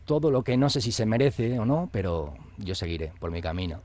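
Guest: man, very low voice, reflective singer-songwriter. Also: big pitch swings, fairly quick, a little mellow. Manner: reflective, often ends phrases with a questioning tag. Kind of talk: radio interview.

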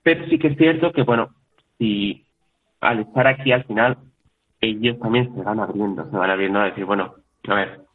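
A man's voice: on the low side, normal speed. A man from Spain chatting as an interview guest, talking freely with many restarts and little quoted exchanges. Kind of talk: casual interview talk. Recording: tinny phone-like line.

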